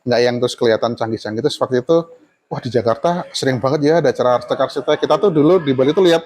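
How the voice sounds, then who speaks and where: A man's voice: mid-range voice, racing, a little mellow. A man in his forties, an architect guest telling stories casually, often laughing and dropping into Javanese phrases. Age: 40s. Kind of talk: casual storytelling conversation.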